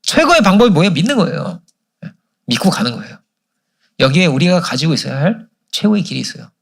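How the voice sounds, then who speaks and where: A male pastor delivers a sermon at a church service, firing off questions to the congregation and answering them himself. His voice sits a little high and swings widely in pitch. He talks at a quick clip. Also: sing-song, gravelly, breathy edge.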